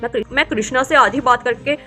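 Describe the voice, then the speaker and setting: Village farmer man, reasoning and mediating, pitched high; woman plays him in a doll story. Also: fairly quick, sharp tone, faint music behind. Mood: firm. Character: village farmer man, calm head of household. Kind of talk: doll video role-play.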